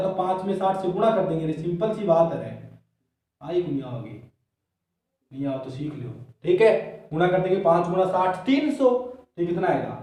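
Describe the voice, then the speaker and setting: A man's voice: high-pitched, warm tone. A man teaching physics who asks questions and answers them himself, in a playful, drilling way. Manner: playful, counts zeros as sweets. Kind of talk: board lesson for school exams. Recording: very echoey room, distant mic.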